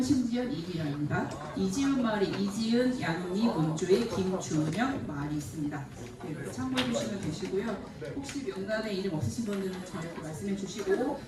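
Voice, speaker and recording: A woman reads name lists and announcements at a church youth gathering. Her delivery is brisk and matter-of-fact, at a mid pitch. She is heard through a PA mic from afar in an echoey hall, with heavy crowd noise behind her. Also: far from the mic. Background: loud crowd and noise.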